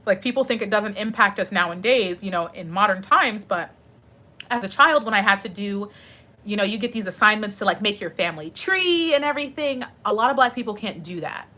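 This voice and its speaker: Woman streamer, young adult, casual chat, bright forceful tone, chatty. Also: medium pitch, brisk. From United States. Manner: chatty, animated, answers chat questions. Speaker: live streamer.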